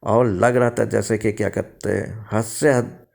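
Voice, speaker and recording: Male storyteller, low-pitched, meandering first-person ghost tale full of fillers. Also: steady tone, measured pace, gravelly, darkish tone. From India. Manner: rambling, with many fillers and restarts.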